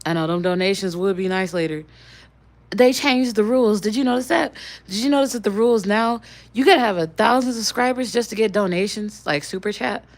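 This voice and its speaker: A woman's voice: medium pitch, a little fast. A young woman chatting casually on a livestream. She rambles and swears now and then as she talks with her viewers. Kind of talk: casual live-stream chat.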